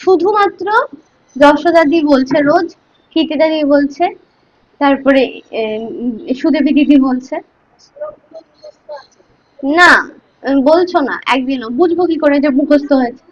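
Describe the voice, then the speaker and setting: A woman's voice: high voice, unhurried, long pauses, dry recording, lo-fi sound. A woman teaching Sanskrit verse pronunciation syllable by syllable, coaxing her students to repeat after her. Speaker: Gita recitation teacher. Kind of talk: line-by-line Sanskrit pronunciation lesson.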